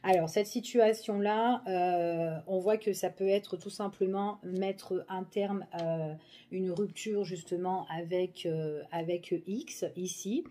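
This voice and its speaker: A woman's voice: lowish voice, fairly even intonation, slow pace, warm tone. A woman giving a casual general tarot reading, chatty and full of fillers, often checking in with the listener. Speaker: tarot card reader.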